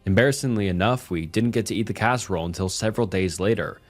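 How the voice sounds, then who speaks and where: A man reading a scripted first-person horror story in a steady, measured way. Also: lowish voice. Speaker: narrator. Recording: soft music underneath.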